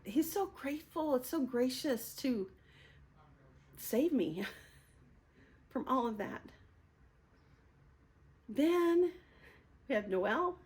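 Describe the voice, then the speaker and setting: A woman's voice: sits high, animated, takes it slowly, long pauses, a little mellow. Candid, emotional woman in her fifties. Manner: candid and emotional, often laughing through hard memories. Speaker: speaker sharing a personal testimony. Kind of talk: personal testimony talk.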